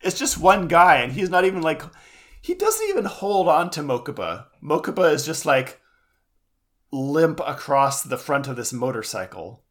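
Podcast co-host, casual chat, ranting, swears, lively swinging pitch, mid register. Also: moderate pace. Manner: animated, ranting and swearing for comic effect.

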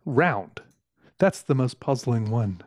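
A man's voice: mid-range voice, a little slow, darkish tone, no echo, clean studio sound. A man chatting casually into a microphone as a solo podcast host, rambling, correcting himself and musing with wry humor. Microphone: close microphone.

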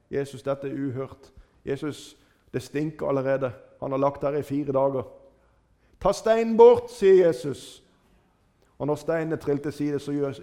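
A man preaching a sermon, retelling stories with dramatic rises and falls in his voice. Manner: dramatic retelling with wide swings in pitch and loudness.

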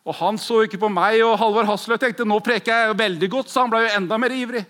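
A man in his forties delivering a pentecostal sermon at a conference, with a fairly high voice. He preaches fervently, jumping from loud, eager exclamations to soft, hushed prayer. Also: fairly even intonation. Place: large conference hall.

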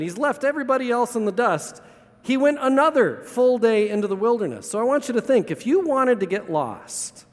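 A man preaching a sermon, retelling a scripture story in a casual, animated way and acting out the quotes. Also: sits high, long reverb tail.

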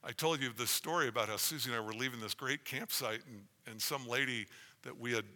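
A man's voice: medium pitch, fairly quick, bright, forceful tone. A man preaching a sermon, moving between conversational anecdotes and emphatic rhetorical questions. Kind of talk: sermon to a congregation, with personal anecdotes. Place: large reverberant room, preaching to an audience. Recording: reverberant hall sound.

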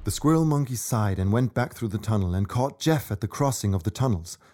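A man reads a children's story as narrator. His voice sits fairly low and has a dark, relaxed tone suited to scripted storytelling. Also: fairly quick.

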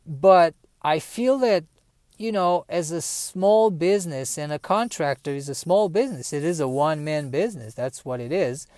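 A man's voice: on the high side, moderate pace, a little mellow, dry recording, studio quality. A man telling a personal story in a casual monologue, rambling with many fillers and restarts.

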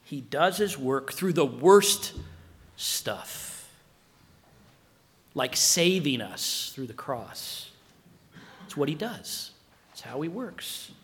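A man preaching a sermon as pastor in an animated way, acting out dialogue. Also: fairly high pitch, extremely slow, pauses often, long reverb tail.

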